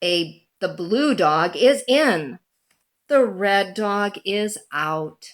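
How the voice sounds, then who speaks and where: Reading from a children's picture book, this woman speaks at a medium pitch and brings the story to life with slow, lively expression.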